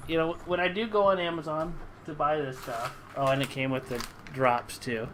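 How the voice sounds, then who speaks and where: A man's voice: on the high side, steady tone, moderate pace, background noise. A young man hosting a casual home-brewing chat, easygoing and self-deprecating, who chuckles often. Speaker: channel host.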